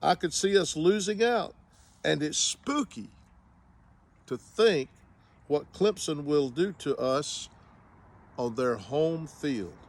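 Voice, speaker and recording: A man's voice: on the high side, expressive, takes it slowly, long pauses. A man giving a casual spoken review of a football game, with wry, sarcastic humor.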